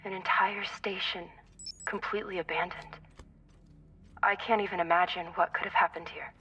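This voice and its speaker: An actress playing a space crewmate exploring a derelict station in a video game, with a breathy voice. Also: female voice, mid-range voice, steady tone, moderate pace, pushed and bright, recorded from a distance, muffled recording. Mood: awed, alert.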